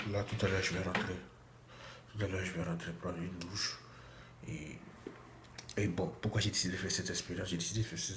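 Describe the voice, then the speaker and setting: A man with a low but slightly bright voice, sick with a cold, chats to his phone camera in a small bathroom at home. He repeats himself and restarts sentences often. The echoey recording carries faint ambience and a bit of hiss or hum.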